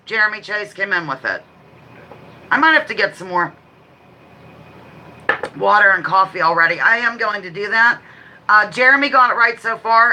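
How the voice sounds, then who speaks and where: A woman hosting a casual live stream, chatting quickly and reading out trivia questions with rambling, apologetic asides. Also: mid-range voice, pushed and bright, a little hiss or hum, rough recording. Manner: talks quickly. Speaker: livestream host running a trivia quiz. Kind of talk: casual live chat with read-out quiz questions.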